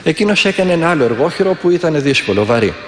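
An Orthodox monk preaches a sermon woven with stories, his slightly high, sing-song voice carrying a faint hiss or hum. He delivers it earnestly and vividly, repeating prayers along the way. The sound echoes through a reverberant hall.

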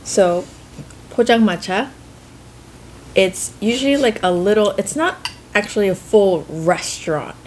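A woman's voice: medium pitch, lively intonation, a little slow, pauses often, darkish tone, slight background noise. An American woman hosting a casual chat over a meal, rambling and correcting herself as she explains. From United States. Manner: rambling, self-correcting, hedges often. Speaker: host.

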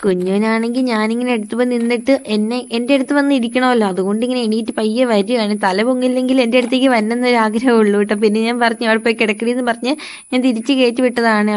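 A woman narrating a casual home vlog about her sick pet cat, chatty and tender. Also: fairly high pitch. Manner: chatty, tender, ends sentences with "ട്ടോ". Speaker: cat vlogger.

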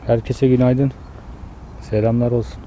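A man's voice: mid-range voice, flat delivery, unhurried, dark tone, slight background noise. Chatty man coaxing zoo animals. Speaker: zoo vlogger. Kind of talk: casual narration while filming animals. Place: outdoors in a zoo enclosure.

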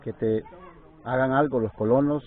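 A male interviewer asking long, formal, measured questions. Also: mid-range voice, fairly even intonation. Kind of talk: journalistic questioning. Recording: distant, tinny phone-like sound.

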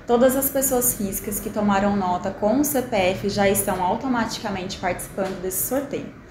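A woman in her thirties, a municipal official, calmly explaining how a prize program works in an interview. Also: medium pitch, a little fast, reverberant, noisy background. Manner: clear and explanatory.

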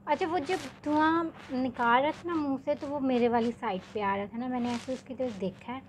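A young woman from Pakistan, telling a story to her vlog viewers in a chatty, animated way, full of filler words. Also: high voice, brisk, a little hiss or hum. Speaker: vlogger.

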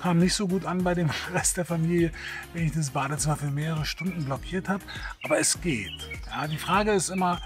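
A man's voice: on the high side, fairly quick, soft background music. A middle-aged man from Berlin talking casually to camera as a photography host, chatty and hesitant with many fillers. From Berlin, Germany.

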